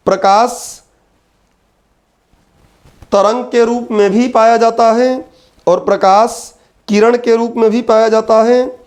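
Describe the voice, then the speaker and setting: A man's voice: very high voice, darkish tone. A man teaching an exam-prep physics lecture, patiently repeating key terms and answering his own questions.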